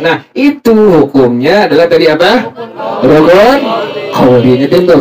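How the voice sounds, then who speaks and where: High-voiced man drilling students in a lesson. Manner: drills students with repeated questions; casual Jakarta-style slang. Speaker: Islamic teacher. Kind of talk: religious study lesson.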